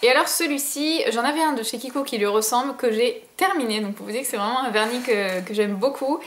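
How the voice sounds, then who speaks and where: A chatty young woman from France, talking casually and enthusiastically with plenty of fillers. Her voice sits a little high, and the room around her sounds echoey. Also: brisk. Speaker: beauty vlogger. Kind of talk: casual haul chat to camera.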